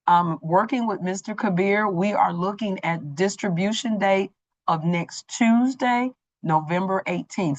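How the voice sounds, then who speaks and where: A woman on a school staff addressing parents in an online meeting. She speaks in a plain, organized way with frequent ums and restarts, through a computer mic on a video call. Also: mid-range voice.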